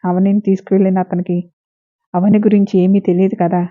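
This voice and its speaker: A woman reading the lines of a loyal young woman who gently coaxes and reassures. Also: mid-range voice, little pitch movement, brisk, close to an everyday voice. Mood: worried. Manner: gently coaxing. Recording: narrow phone-like lo-fi sound.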